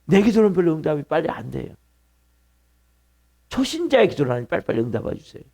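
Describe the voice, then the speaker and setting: Gravelly-voiced pastor preaching a sermon. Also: male voice, on the high side, sing-song, fast talker, darkish tone. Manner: preaching with emphatic repetition and questions to the congregation. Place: church sanctuary.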